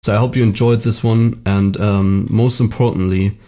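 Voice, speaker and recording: A man's voice: fairly low pitch, fairly even intonation, moderate pace, mellow. A man hosting his own gaming channel, talking with a sick, strained voice in a rambling, self-deprecating way with many restarts. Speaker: video game channel host. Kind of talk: casual commentary to camera.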